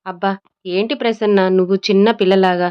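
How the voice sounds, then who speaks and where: ఒక మహిళ ప్రశాంతంగా, ప్రేమగా మాట్లాడే అక్క లాంటి యువతి పాత్రను చేస్తోంది. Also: female voice, medium pitch, a little fast, clear, resonant tone, muffled recording, close to an everyday voice. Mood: gentle. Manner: calm, affectionate. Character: calm gentle young woman, kind big sister.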